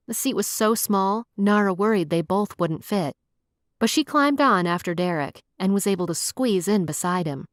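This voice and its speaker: A woman's voice: mid-range voice, no room sound, clean studio sound. Woman narrating a romance audiobook.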